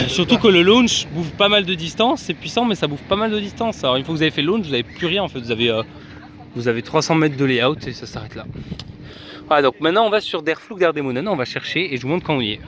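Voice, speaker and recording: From a packed theme park, a man from France gives casual vlog commentary to his viewers, leaning heavily on filler words. He sounds expressive, with a fairly high voice and quick pace, against a noisy background.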